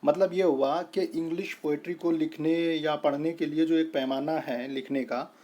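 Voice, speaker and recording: A man teaches a lesson in an unhurried, explaining way. His voice sits a little high but sounds warm and dark. He spells words out piece by piece and keeps pausing to check that his listeners follow. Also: steady tone. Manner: repeats "thik hai" to check understanding; spells out and splits words slowly. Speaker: English tutor.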